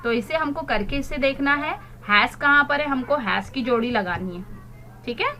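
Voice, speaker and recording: A woman's voice: high-pitched, lively intonation, moderate pace, sharp tone. A woman teaching young children, explaining in Hindi and spelling words out letter by letter. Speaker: primary school English teacher. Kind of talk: recorded online class lesson.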